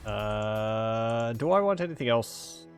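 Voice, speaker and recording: A man giving casual, halting gameplay commentary, thinking aloud as he chats with his viewers. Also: mid-range voice, expressive. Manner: musing aloud, chuckling, halting. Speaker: video game streamer. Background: game music.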